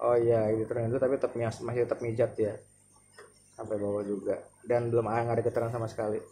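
A man's voice: medium pitch, level tone, quick pace, mellow. A man in his thirties with a Jakarta Indonesian accent, thinking aloud in an informal, hesitant product demo in a room at home. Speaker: vlogger testing a massage chair. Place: indoors, living room at home. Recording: clear background noise, room ambience.

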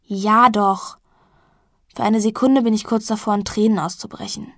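A woman reading a novel aloud in the first person, intimate and at times softly hushed. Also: medium pitch, fast talker, dry recording, clean studio sound. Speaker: audiobook narrator.

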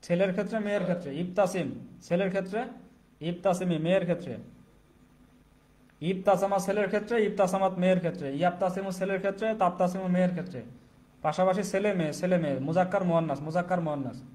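High-voiced man drilling verb forms. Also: fast, a little mellow. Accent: Bangladeshi. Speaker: Arabic teacher. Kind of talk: live online grammar class.

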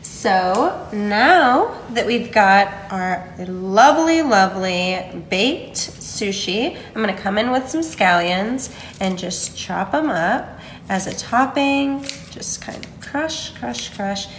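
A woman's voice: medium pitch, expressive, takes it slowly, echoey room, slight background noise, low-quality recording. A woman hosting a casual home cooking video, walking through each step and gushing over the food.

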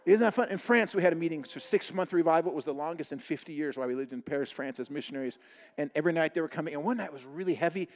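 A middle-aged man preaching a humorous sermon full of stories, acting out the dialogue in an animated way. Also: on the high side, very fast. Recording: echoing hall reverb.

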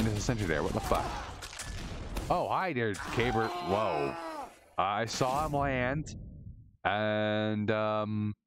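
A man streaming a shooter game live, commenting excitably, swearing a lot and rambling to his chat. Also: lowish voice, noisy background. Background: game music.

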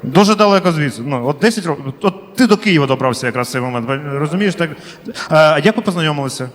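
Male comedian, fairly high voice, chatty crowd work, swearing, long hall reverb. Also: expressive, fast talker. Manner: chatty, swears freely, slangy asides. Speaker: stand-up comedian. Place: comedy club stage.

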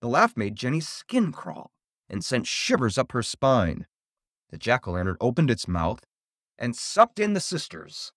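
A man reads a spooky story aloud with a theatrical flair. His pitch sits in a middle range but roams widely as he builds suspense. The sound is dry and close, with no room around it. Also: a little slow, dry recording. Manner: expressive, theatrical. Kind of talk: dramatic story reading.

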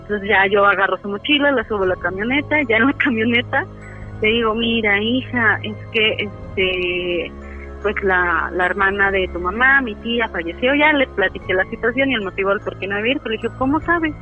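A woman's voice: medium pitch, brisk. A woman, phoning in to tell a story in a casual, chatty way, often using fillers. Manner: chatty, many fillers like "este". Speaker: caller. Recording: tinny phone line with music behind.

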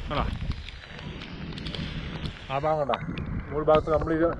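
A muffled outdoor recording with clear background noise carries a fairly high-voiced Malayali man. He talks casually to his viewers like a travel vlogger out on the road. His Malayalam is sprinkled with English words. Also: steady tone, a little slow. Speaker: solo motorcycle travel vlogger. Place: outdoors on a rainy, misty hill roadside.

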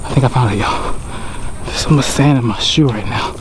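This fishing vlogger, a man in his forties, talks briskly in a mid-range voice while hiking sandy scrubland trails. He's chatty and full of jokes, calling viewers y'all, and his chest-mounted action camera picks up some background noise.

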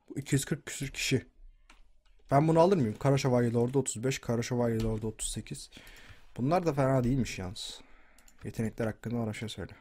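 A man's voice: medium pitch, dark tone. Chatty sick man narrating his gameplay. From Turkey. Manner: chatty, talks to the viewers and to enemies on screen. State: sick, congested. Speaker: gameplay commentator. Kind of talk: casual gameplay commentary.

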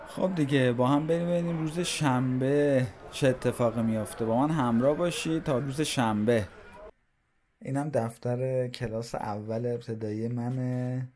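A man's voice: medium pitch, steady tone, darkish tone. A man in his thirties from Iran gives walking tour commentary outdoors, talking in a reflective, nostalgic, conversational way as he walks city streets. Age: 30s. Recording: street noise clearly audible. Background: traffic and street ambience.

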